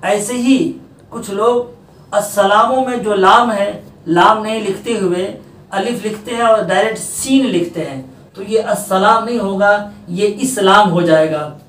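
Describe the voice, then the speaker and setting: A male teacher giving a pronunciation lesson to students, repeating each word slowly to set the right form against the wrong one. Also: sits high, fairly bright tone. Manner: deliberate, repeating words to contrast right and wrong forms. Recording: roomy, distant mic, faint background noise.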